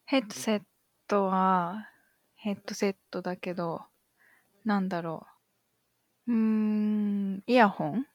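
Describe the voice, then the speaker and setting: A woman's voice: mid-range voice, steady tone, a little slow, pauses often, no echo. A woman co-hosting a casual podcast, guessing answers aloud and agreeing often in short affirmations. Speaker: podcast co-host answering quiz.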